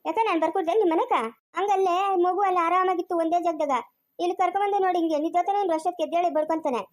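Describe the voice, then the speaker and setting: A woman's voice: extremely high pitch, fairly even intonation, rapid-fire. A woman acting a fretful, quarrelsome village woman in a homemade family drama, speaking with a rural Chikkaballapur Kannada accent and scolding, exclaiming and repeating her questions.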